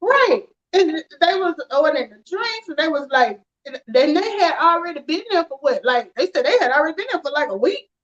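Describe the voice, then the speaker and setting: A woman, telling stories in an animated, casual chat with frequent laughter. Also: sits high, brisk, few pauses. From rural Alabama, USA. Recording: dull lo-fi sound.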